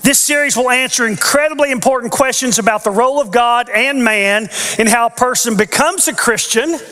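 An older pastor preaches a teaching sermon on a headset mic from a large church stage before an audience, earnest but with playful asides. His very high voice is brisk and sharp. The long reverb of the large church hall fills the recording.

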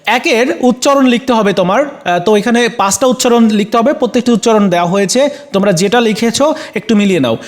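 Man, high voice, Bangladeshi accent, casual exam walkthrough, fillers. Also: quick pace. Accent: Bangladeshi Bengali. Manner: casual, frequent fillers and self-corrections. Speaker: teacher.

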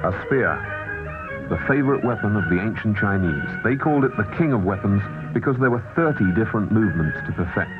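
A man reading scripted documentary narration in a measured, even way, heard from a worn VHS tape copy. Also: lowish voice. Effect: worn VHS tape copy, muffled and lo-fi. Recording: muffled worn videotape with music behind.

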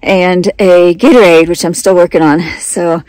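A woman's voice: fairly low pitch, fairly even intonation, moderate pace, darkish tone, clear, resonant tone, dry recording. Chatty middle-aged woman vlogging on a trail. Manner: chatty, upbeat, laughs often. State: hot and tired from hiking. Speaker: hiking vlogger. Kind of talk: casual trail vlog. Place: outdoors on a mountain trail. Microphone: phone at arm's length.

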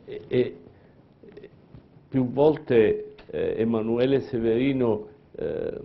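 A man speaks very slowly in a panel discussion, weighing his words with hesitant pauses. His voice sits in a middle range, and the audio is dull and lo-fi. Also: medium pitch, lively intonation, vocal fry. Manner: slow, measured and hesitant. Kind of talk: conference discussion. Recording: dull lo-fi conference recording.

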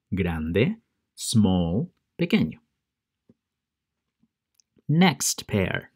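A man teaching English words to children, repeating each word pair slowly and stressing how to say it. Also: on the low side, mellow. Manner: drills word pairs with slow, careful repetition; stresses English pronunciation for learners. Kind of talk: bilingual vocabulary lesson for children.

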